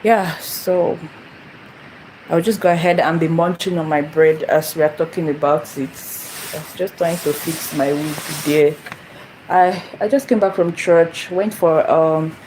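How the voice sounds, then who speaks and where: Greeting viewers on her channel's phone livestream, a young woman from Nigeria rambles casually and repeats herself. Her lowish voice is a little mellow, and the poor audio has a bit of hiss or hum.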